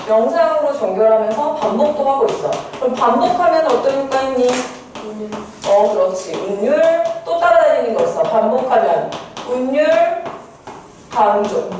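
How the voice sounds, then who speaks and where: A woman teacher leads a poetry lesson, asking questions and answering them herself. Her voice is fairly high and darkish, recorded in an echoey room far from the mic with faint noise.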